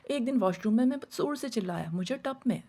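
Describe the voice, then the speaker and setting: Woman, horror story narration, husky, gravelly, dark mellow tone, dramatic. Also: on the high side, expressive.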